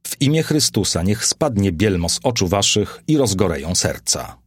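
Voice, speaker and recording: An aged apostle, read by a man, preaching to a frightened crowd with solemn, swelling fervour. The voice sits low and carries a husky grain, set close and dry with no room around it. His lines are commanding and exalted, delivered as a storybook sermon. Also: sing-song, normal speed, no room sound, heavily acted. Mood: fervent. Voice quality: solemn, rising to exalted declamation. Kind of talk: audiobook character reading.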